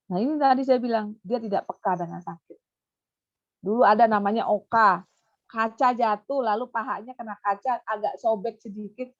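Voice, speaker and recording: Woman education consultant, animated teacher's delivery, slightly high voice, muffled webinar sound. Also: normal speed. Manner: animated, acts out coaxing a child in a high sing-song voice. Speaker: child education consultant and behaviour therapist. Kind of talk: webinar talk. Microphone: webinar computer mic. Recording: muffled online webinar audio.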